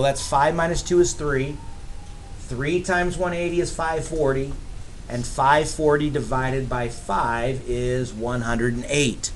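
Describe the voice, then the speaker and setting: A man's voice: on the high side, sharp tone, slight background noise. A man teaching geometry to a class, upbeat and teasing with his students, in a classroom. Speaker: math teacher. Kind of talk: classroom lecture.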